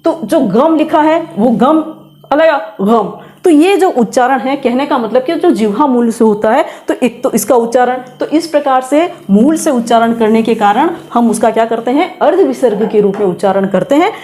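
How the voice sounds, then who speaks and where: With a fairly high, dark-toned voice and lively intonation, a middle-aged woman patiently explains pronunciation during a grammar lesson, repeating sounds aloud as demonstrations. She keeps a moderate pace and rarely pauses.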